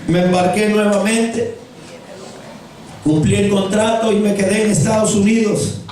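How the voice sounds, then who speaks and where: High-voiced Salvadoran pastor preaching in echo. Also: male voice, fairly even intonation, measured pace, a little hiss or hum. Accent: Salvadoran Spanish. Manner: impassioned, rising to shouts, laughs while telling the story. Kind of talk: testimony sermon. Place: church sanctuary. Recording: very echoey church hall, distant mic.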